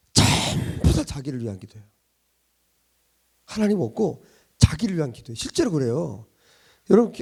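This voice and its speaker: A man's voice: high voice, darkish tone. A middle-aged man pastor giving a sermon in a conversational style, chuckling often and asking many rhetorical questions.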